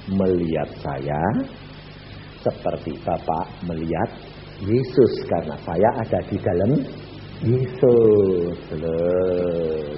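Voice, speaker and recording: A man, preaching a sermon and swinging from loud peaks to hushed drops. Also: sits low. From Central Java, Indonesia. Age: 80s. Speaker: evangelist preacher. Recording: echoey hall, dull lo-fi with hum.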